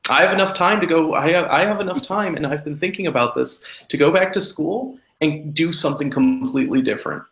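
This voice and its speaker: A young man in his twenties speaks on a podcast panel. He sounds earnest and a little hesitant, with a gravelly edge to his voice. The recording carries a noticeable roomy echo. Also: fairly high pitch, fairly quick, few pauses, a bit bright. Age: 20s. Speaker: photojournalist panelist. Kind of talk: casual panel discussion.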